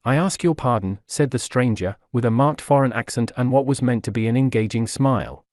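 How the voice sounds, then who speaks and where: A man reading a novel aloud as narrator in a measured, even manner. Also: medium pitch, dry recording, clean studio sound. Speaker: audiobook narrator. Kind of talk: scripted narration.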